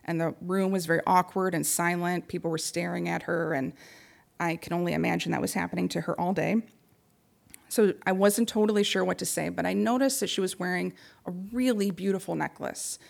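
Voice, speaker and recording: A young adult woman giving a prepared talk on supporting grieving people, speaking gently and pausing often. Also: lowish voice, gravelly.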